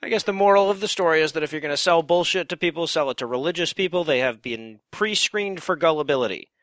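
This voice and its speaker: A male podcast host with a high, bright, sharp voice throws in blunt, irreverent jokes. He is recorded close and dry, with no room sound. His delivery is wry and cutting. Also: quick pace, dry recording. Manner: blunt, irreverent, mocking asides. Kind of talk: comedic podcast banter.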